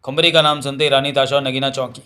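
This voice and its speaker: Guy reading a novel out loud, pretty monotone, same voice for everyone. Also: medium pitch, fast. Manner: reads all characters in a nearly even voice. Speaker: audiobook narrator. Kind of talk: scripted novel narration.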